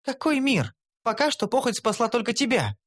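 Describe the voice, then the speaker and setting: A man reading an audiobook voices a sharp-tongued young female elf warrior who talks with scorn and scolds. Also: extremely high pitch, big pitch swings, a little fast, voice pushed up. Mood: wary.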